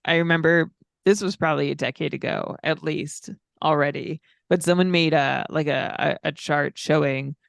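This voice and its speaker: A man with a slightly high, gravelly voice, talking through numbers in a measured, filler-laden podcast chat. The recording is dry and close. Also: a bit bright, no room sound. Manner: stat-heavy, measured, frequent fillers. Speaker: podcast co-host.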